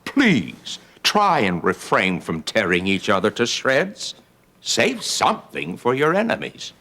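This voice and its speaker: Give me a stern, commanding middle-aged father in a soap opera. His voice is bright and sharp, and it swings widely up and down as he scolds. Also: mid-range voice.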